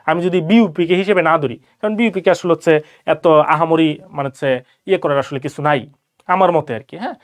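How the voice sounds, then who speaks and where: A man's voice: on the high side, fast talker. A young man from Bangladesh, a medical student, gives casual live-session advice to exam candidates and keeps checking in with "okay?".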